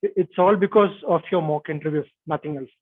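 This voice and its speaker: A software tester, interviewed as a guest, speaks hesitantly, filling gaps with lots of "like" and "uh". A bad video-call connection makes his slightly high voice thin and narrow, like phone audio. The sound is dry and close, with no echo.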